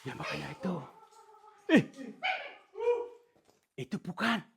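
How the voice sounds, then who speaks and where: A man leading a paranormal investigation, talking in a hushed, polite, pleading way, often whispering. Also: fairly high pitch, expressive, takes it slowly, vocal fry, noisy background. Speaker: ghost-hunting vlogger.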